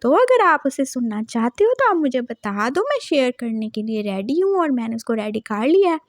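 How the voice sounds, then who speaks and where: High-voiced chatty woman storyteller. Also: sing-song, normal speed, no room sound, clean studio sound. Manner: chatty, addresses viewers directly. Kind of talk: casual story narration.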